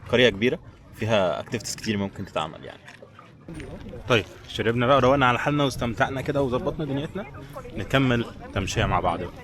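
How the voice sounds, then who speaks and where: Animated and a bit bright, his medium-pitched voice races along as he addresses viewers on the move. He's a man with an Egyptian Arabic accent vlogging casually outdoors in a crowded tourist village, with chatter and street sound behind him.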